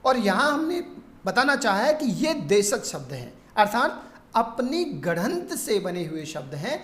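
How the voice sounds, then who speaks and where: A woman teaching a grammar lesson, explaining terms and reading long word lists in a steady teaching tone. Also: medium pitch, a little slow. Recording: echoey room.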